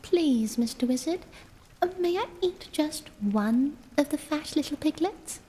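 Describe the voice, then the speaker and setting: A woman voicing a greedy, sly female kitten in a soft, demure, coaxing way, as a whispered role-play in a storybook reading. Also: high-pitched, animated, unhurried, long reverb tail, pitched above the performer's own voice.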